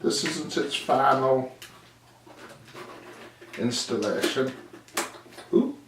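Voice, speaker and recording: Here a man with a mid-range voice speaks extremely slowly during a relaxed hands-on demo. He's an amateur DIY video maker, musing out loud in a meandering, self-deprecating way. Hiss and echo come through from the distant mic.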